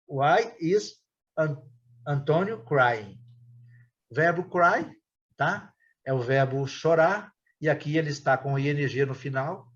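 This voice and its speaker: A man from Brazil teaching a class, explaining grammar and reading example sentences slowly and deliberately. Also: fairly high pitch, lo-fi sound. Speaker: English teacher.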